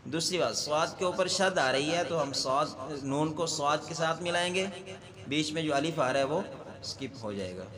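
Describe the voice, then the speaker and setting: A man teaching Quran recitation word by word, repeating each sound slowly and drawn out for the learner. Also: a little high, in a large hall, a crowd in the background. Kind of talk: slow word-by-word recitation lesson.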